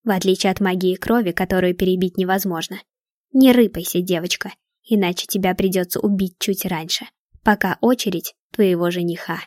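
Woman voicing a sneering dark witch. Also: on the low side, fairly even intonation, brisk, no echo, studio quality, close to an everyday voice. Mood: cold. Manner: mocking, hissing. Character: scheming dark witch woman, sarcastic and cruel. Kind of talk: storybook reading.

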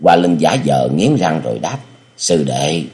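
A man narrating a martial-arts novel as an audiobook in steady storytelling. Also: rumbling low, moderate pace, vocal fry.

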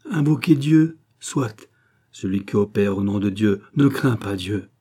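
Guy reading a cool commanding doctor, low dark husky voice, insistent. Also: expressive, unhurried. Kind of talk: audiobook character voice.

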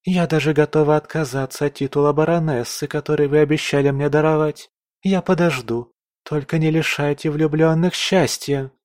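An excitable young court lady, put on by a man with a breathless, sing-song voice lifted well above his natural range. She gushes, wide-eyed, in a storybook reading. The sound is dry and close, with no room around it. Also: fairly high pitch, normal speed, dry recording, voice pushed up, close to an everyday voice. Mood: pleading.

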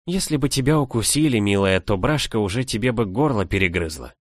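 A man's voice: lowish voice, lively intonation, a little fast, no room sound, clean studio sound. A man voicing a plump, kindly village woman who talks in a chatty, fussing, motherly way, reading an audiobook.

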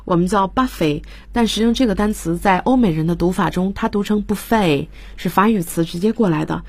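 A woman's voice: medium pitch, fast talker, slightly rough, no echo. A woman teaching English vocabulary on a radio lesson, explaining patiently and spelling words out letter by letter. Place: radio studio.

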